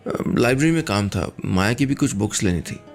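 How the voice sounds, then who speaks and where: A man voicing a gentle, emotional young married woman in a radio story, speaking softly and with feeling. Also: lowish voice, expressive, fairly quick, soft background music.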